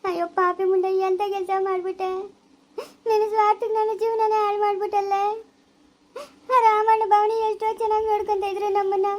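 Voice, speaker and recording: A desperate young wife begs through tears in a village family drama, played by a woman. Her very high voice cracks as she wails and pleads. Tearful and raw. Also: steady tone, a little fast. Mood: reproachful. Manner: pleading, wailing. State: crying.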